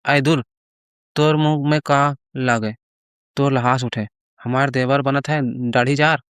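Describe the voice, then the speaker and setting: A man voicing a sharp-tongued village housewife who scolds in a rustic village dialect. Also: mid-range voice, steady tone, a little slow, clean tone, no echo, clean studio sound, lightly acted. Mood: scolding.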